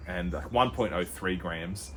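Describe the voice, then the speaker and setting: A young Australian man co-hosting a podcast, telling a rambling story with lots of fillers and quick put-on voices. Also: low voice, a bit bright, slight background noise. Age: young adult. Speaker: podcast co-host. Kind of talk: casual chat.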